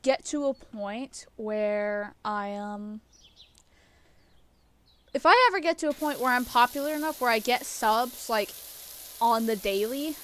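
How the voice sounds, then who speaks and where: A woman's voice: high-pitched, fairly bright tone, no echo, poor audio. A young woman streamer with a stuffy nose, chatting casually while she plays, rambling with lots of fillers and casual swearing. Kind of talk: casual chat while gaming.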